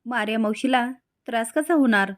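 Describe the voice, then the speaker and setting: A woman's voice: a little high, brisk, close to an everyday voice. A woman reading the lines of a clever young boy in a retold serial episode, asking pointed questions. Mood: insistent.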